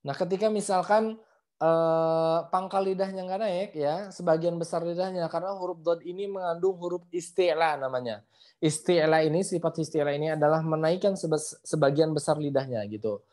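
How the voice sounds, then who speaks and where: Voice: medium pitch, normal speed, darkish tone. Chatty teacher drilling pronunciation. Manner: repetitive, demonstrates sounds aloud, frequent "ya" and "gitu". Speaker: Quran recitation teacher. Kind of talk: casual online lesson. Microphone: video call.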